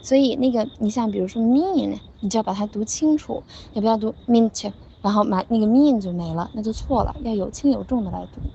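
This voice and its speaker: A woman teaching pronunciation in an online class, slowly demonstrating words and correcting each student by name. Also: mid-range voice, gravelly, warm tone, dull audio, a little hiss or hum.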